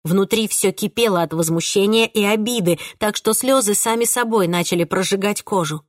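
A woman narrating a first-person audiobook with an emotional, expressive delivery. Her pitch sits in the middle range. The recording is dry and close, with no room echo. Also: moderate pace.

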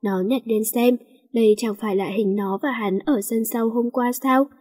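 A woman reading a story aloud in a steady, even way as storyteller. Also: a little high, moderate pace, husky. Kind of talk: scripted story narration.

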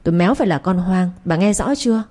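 A woman's voice: fairly low pitch, expressive, quick pace, warm tone. A woman voicing a bitter young man, an outcast son who speaks coldly and defiantly. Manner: cold, clipped and defiant.

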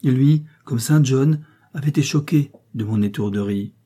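A male audiobook reader narrating a classic novel in a measured, even way. His voice is very dark and mellow, with a husky texture. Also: mid-range voice. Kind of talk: scripted literary narration.

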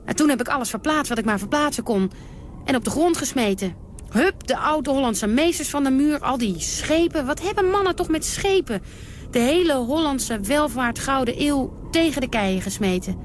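A woman's voice: high-pitched, lively intonation, normal speed, slight background noise. An actress playing a brash, defiant woman who tells of her wild nights in a theatrical radio monologue, blunt and dry with sudden outbursts. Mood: fierce.

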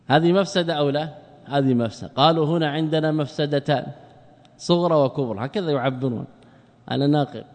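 A man's voice, on the high side and darkish in tone, fills a large hall during an Arabic grammar lecture. He answers his own rhetorical questions and slows down to spell out the forms of words.

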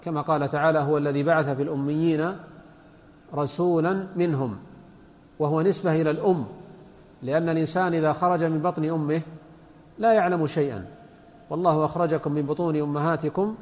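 A man's voice: fairly high pitch, fairly even intonation, a little fast, long pauses, a little mellow. A man, a sheikh, giving a religious lecture on Islamic law, patiently explaining points and reciting examples. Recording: long hall reverb.

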